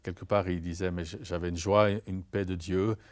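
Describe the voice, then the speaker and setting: A man's voice: low voice, level tone, moderate pace. A man speaking as a guest in a studio interview, earnest and hesitant, often repeating words as he talks.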